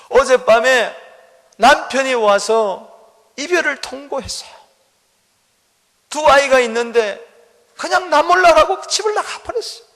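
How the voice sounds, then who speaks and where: A man's voice: sits high, gravelly, long reverb tail, full character voice. A man voicing a tired, middle-aged waitress who pleads tearfully for forgiveness.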